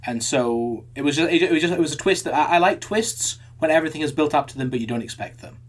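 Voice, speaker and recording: A man's voice: on the high side, expressive, fast. A man co-hosting a podcast in casual chat, thinking aloud with frequent restarts and repeated words. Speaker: podcast co-host.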